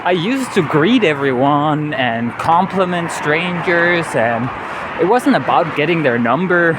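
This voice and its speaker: A travel vlogger who is a native Danish speaker, with a Danish accent, walks along a city street delivering an earnest, rambling monologue, often tossing in "you know." His voice sits on the high side and is expressive, at a measured pace. Traffic and vehicles come through clearly in the background.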